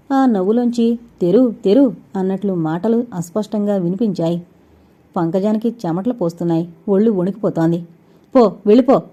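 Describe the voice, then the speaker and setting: A woman narrates a suspense audio novel in a steady, scripted storytelling read. Her voice is very dark and mellow. The recording sounds a little dull. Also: medium pitch.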